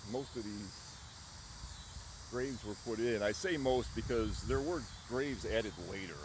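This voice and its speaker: Slow, animated man in outdoor wind noise. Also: medium pitch. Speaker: vlog host. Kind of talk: on-location history vlog, talking to camera. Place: outdoors in an open park-like cemetery. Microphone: camera at arm's length.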